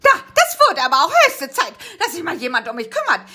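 A woman voicing a shrill, grumpy old aunt in a storybook reading. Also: huge pitch swings, brisk, sharp tone, heavily acted. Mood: shrill, scolding. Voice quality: shrill, scolding.

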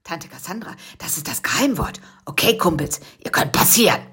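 A woman voicing a gruff, threatening male wasp guard in a storybook reading. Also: on the high side, animated, measured pace, bright, forceful tone, voice pushed up, full character voice. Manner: growling, threatening.

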